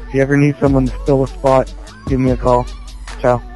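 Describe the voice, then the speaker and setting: A man leaves an eager, brisk voicemail for a podcast. His voice stays flat in pitch. Faint music plays under him. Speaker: caller leaving a voicemail. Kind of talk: voicemail message.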